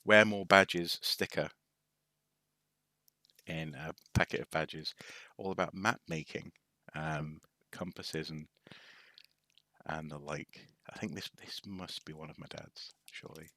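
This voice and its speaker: A man's voice: extremely low pitch, steady tone, slow, sharp tone, no echo, clean studio sound. A man from North Wales chatting casually on a live stream, hesitant with lots of restarts and wry asides. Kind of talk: casual rambling show-and-tell.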